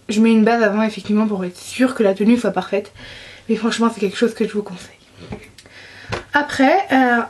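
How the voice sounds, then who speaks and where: Chatty young woman, fairly high voice. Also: a little mellow. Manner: chatty, enthusiastic, many fillers and restarts. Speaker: beauty vlogger. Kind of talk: casual monthly favorites chat.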